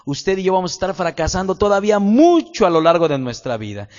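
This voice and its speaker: A man's voice: high-pitched, fast talker. A man, a pastor preaching a sermon with humorous stories, talking to the congregation and asking it questions. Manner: animated storyteller, acts out voices, asks the audience questions. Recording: muffled sound in a reverberant hall.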